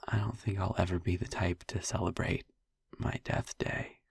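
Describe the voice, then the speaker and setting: Here a male performer plays a youthful vampire boyfriend, gentle and wistful, still haunted by what came before, in an intimate audio roleplay. He speaks tenderly and haltingly, slowly and with pauses, his low voice husky, breathy and gravelly, with fairly even intonation. It's an exaggerated performance on a close mic, dry and clean like a studio.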